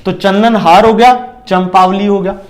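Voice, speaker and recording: Brief: high-pitched male tutor, exam-prep lecture, keeps asking and answering his own questions. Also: steady tone, moderate pace. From India. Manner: repeats questions and answers them himself, keeps asking if it is clear. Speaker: teacher.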